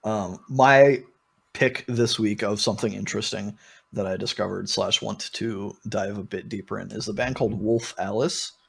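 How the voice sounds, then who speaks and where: A podcast host talks through an album casually, rambling informally and going off on frequent asides. His voice is fairly low, gravelly and slightly rough, with a steady tone at normal speed.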